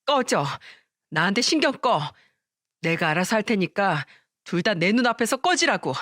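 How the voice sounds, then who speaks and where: A woman voicing a betrayed wife who shouts bitter accusations in a dramatized story reading. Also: medium pitch, big pitch swings, moderate pace, no room sound, studio quality. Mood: furious. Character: betrayed wife, furious and sobbing.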